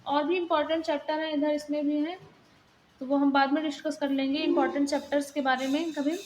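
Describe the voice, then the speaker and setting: High-voiced young woman tutoring casually. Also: little pitch movement, a little fast, a little mellow, slight background noise, poor audio. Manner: conversational, points things out while showing a book. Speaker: exam prep tutor. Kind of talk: casual explanatory lesson.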